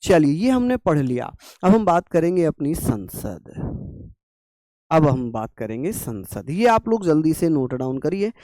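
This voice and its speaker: A man's voice: fairly high pitch, very animated, a little slow, mellow, no echo. A young man gives an online exam-prep lecture while his throat is sore. He coaxes and scolds the students to keep writing. The recording is close and dry. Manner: coaxing, scolding students to take notes. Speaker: teacher.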